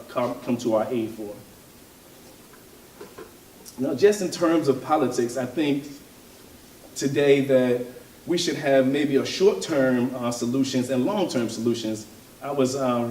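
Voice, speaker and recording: A man giving an informal religious and political talk, thoughtful and hesitant, often pausing with fillers and restarting his sentences. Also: medium pitch, mellow. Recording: roomy, from a distance.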